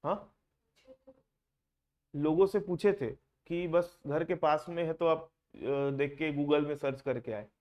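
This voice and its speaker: Brief: male classroom teacher, slightly high voice, questions the students as he explains, English terms mixed into his Hindi. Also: takes it slowly, a little mellow. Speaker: accounting teacher. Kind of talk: classroom lecture.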